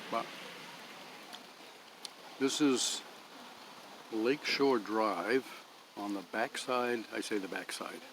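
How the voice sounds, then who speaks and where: An older man chatting casually in a homey, rambling way at a picnic table in a pine grove, recorded on a phone. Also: lowish voice. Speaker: vlogger. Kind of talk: casual outdoor vlog. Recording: outdoor phone recording with clear background noise. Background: breeze, traffic and rustling leaves.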